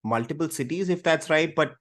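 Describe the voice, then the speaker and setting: A man's voice: fairly high pitch, a little fast, a bit bright. A man hosting a casual interview, asking curious, slightly hesitant questions. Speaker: podcast host.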